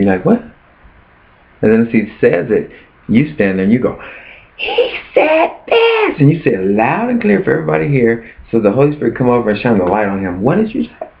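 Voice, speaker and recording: Deep-voiced earnest preacher man. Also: vocal fry. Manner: earnest, asks rhetorical questions. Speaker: preacher sharing his fast. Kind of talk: casual preaching vlog. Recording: tinny phone-like sound.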